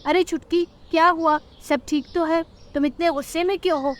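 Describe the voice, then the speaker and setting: A woman's voice: extremely high pitch, fairly even intonation, normal speed, pitched above the performer's own voice. A woman voicing a meek young male crow who placates his wife in a cartoon. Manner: soothing, eager to please.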